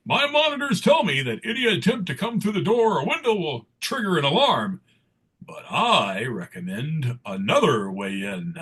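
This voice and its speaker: Man playing raspy, swooping, bombastic Santa Claus. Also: a little high, very animated, moderate pace, fairly bright tone, heavily acted. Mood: rousing. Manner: theatrical, declamatory. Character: jolly, bombastic, take-charge Santa Claus, an old man. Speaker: performer in a dramatic comic book table read. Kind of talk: live dramatic table read of a comic book.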